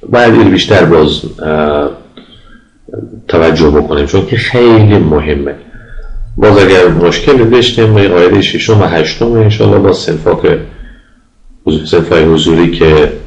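A man with an Afghan Dari accent teaching English grammar as a lecturer, patiently repeating example words slowly for pronunciation. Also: low voice, vocal fry, echoey room, poor audio. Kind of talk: recorded lecture.

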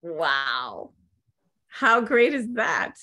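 A woman hosting a casual interview, who answers her guest with quick, short reactions. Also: fairly low pitch, very animated, sharp tone. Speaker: host.

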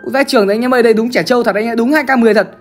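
A woman's voice: on the high side, very fast, faint music behind. A woman from Vietnam, giving chatty gaming commentary and constantly calling out to her viewers. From Bắc Giang, Vietnam. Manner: chatty, keeps calling out to the audience. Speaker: gaming streamer.

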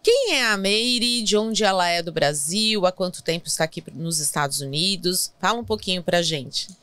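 A woman's voice: fairly low pitch, animated, moderate pace, pushed and bright, no echo. A woman hosting an interview show in a podcast studio, upbeat and enthusiastic, often addressing her audience directly. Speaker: host. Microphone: boom-arm studio mic.

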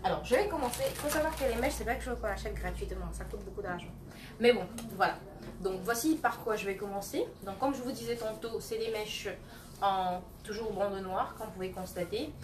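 A woman's voice: medium pitch, a little fast. A woman running a live online auction of hair extensions, teasing bidders by name and repeating the prices. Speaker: live-stream hair seller. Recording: roomy echo, distant phone mic, faint noise.

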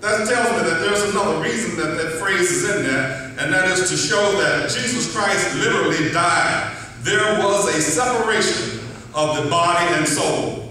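A middle-aged man preaching a sermon in a large church sanctuary, teaching in a measured way and slowing down for emphasis. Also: high-pitched, pushed and bright. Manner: measured teaching delivery, slows for emphasis, occasional restarts. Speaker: pastor. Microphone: far camera at back of church. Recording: echoey church hall from far off.

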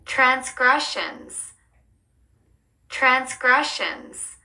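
A woman giving clear, deliberate model readings of words and verses for learners. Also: high-pitched, lively intonation, bright, forceful tone, low-quality recording. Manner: clear, deliberate word-by-word delivery. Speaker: model reader. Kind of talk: slow model pronunciation reading.

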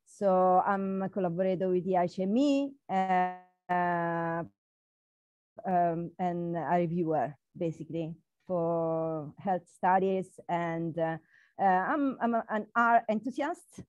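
Slow Italian-accented woman on a call. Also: lowish voice, a little mellow, no room sound. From Italy. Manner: slow, many "uh" fillers. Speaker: book club participant. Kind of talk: casual self-introduction on a video call. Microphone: video call. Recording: dull dry call audio.

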